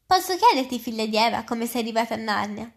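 A woman's voice: fairly high pitch, expressive, fast, creaky. A woman reading the lines of a polite, nervous male faun in a storybook, courteous and a little flustered. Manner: courteous, eager, slightly flustered. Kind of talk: reading aloud.

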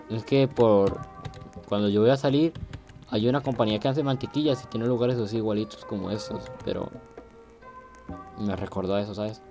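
A man, giving casual, joking gameplay commentary and bursting into shouts when things go wrong. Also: medium pitch. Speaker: gaming youtuber.

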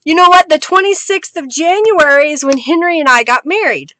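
The audio is poor, but the high-pitched, bright, forceful voice of a middle-aged Oklahoma woman comes through fairly quickly. She hosts a live crafting stream at her desk, chatting casually, giggling, humming as she works and thanking her viewers.

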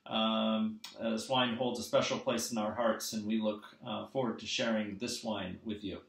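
A man in his fifties, a winery owner and winemaker, presenting a wine to camera in a measured way, with frequent "uh" fillers, recorded on a webcam in a small room at home. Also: on the low side, level tone, gravelly, fairly bright tone. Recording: echoey room.

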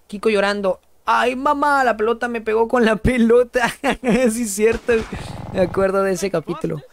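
A man's voice: a little high, a bit bright, slight background noise. A young Mexican man streaming a game live, slangy and upbeat, chatting with viewers as he plays. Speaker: gaming streamer. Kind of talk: live game commentary, reading chat.

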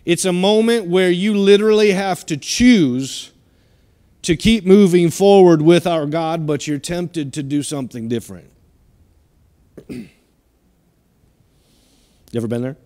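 A man's voice: high voice, slow pace, a little mellow, long reverb tail. A middle-aged man preaching a sermon in a church, emphatic and given to repeating his phrases as he exhorts the congregation. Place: church sanctuary.

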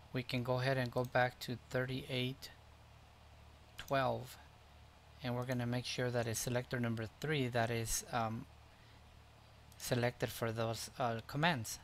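A man in the middle of his pitch range talks through a flight-sim tutorial, step by step and unhurried, with ums and restarts. His desk mic picks up a faint hum of room ambience behind him. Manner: relaxed step-by-step explaining with fillers. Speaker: tutorial host. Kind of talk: screen-recorded software tutorial.

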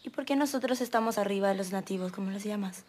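A woman's voice: mid-range voice, a little mellow, slight background noise, lightly acted. An actress playing a defiant young colonial-era daughter who stands up to her mother. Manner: defiant, quick.

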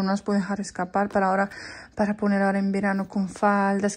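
A woman's voice: medium pitch, a little hiss or hum. A young woman vlogging at home, chatting casually to camera in a rambling way with many restarts.

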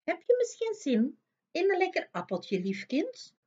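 A woman reading a storybook aloud and voicing the wicked queen disguised as an old apple woman, coaxing in a high, sweet voice. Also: wildly swooping pitch, measured pace, warm tone, lo-fi sound, heavily acted.

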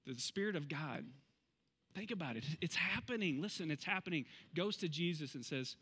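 A man in his forties preaching a sermon on a church stage, conversational and emphatic, slowing down to stress key phrases. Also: fairly high pitch, lively intonation, pushed and bright, breathy edge. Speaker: pastor. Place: large church stage, indoors. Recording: long reverb of a large hall.

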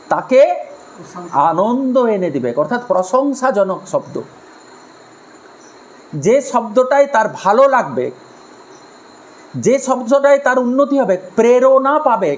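A man giving a moral lecture on family life to a live audience, in an animated way, asking rhetorical questions and acting out harsh and gentle tones of voice. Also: high-pitched, poor audio. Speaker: spiritual speaker on family life.

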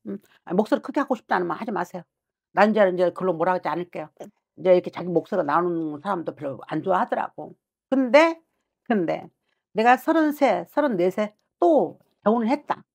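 A woman's voice: mid-range voice, gravelly, darkish tone. A middle-aged woman works as a fortune teller and talks from her desk in a small shrine office. She is blunt and scolding, and she speaks her client's inner thoughts aloud, pressing hard on every point. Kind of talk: fortune-telling consultation.

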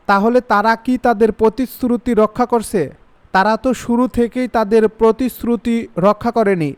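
High, clear-voiced male news reader. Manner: even, formal delivery. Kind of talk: scripted news reading.

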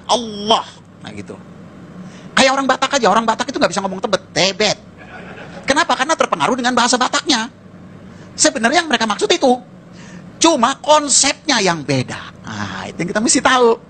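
A man preaching a sermon to a congregation as pastor, in an animated, colloquial way with mocking asides. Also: high-pitched, slight background noise.

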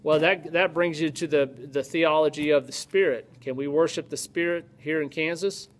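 A man's voice: a little high, moderate pace. A man, a pastor teaching from the Bible in a casual, joking way and reading scripture aloud with more emphasis. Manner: conversational, joking asides, reads scripture aloud with rising emphasis. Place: office-like room with ceiling lights, indoors.

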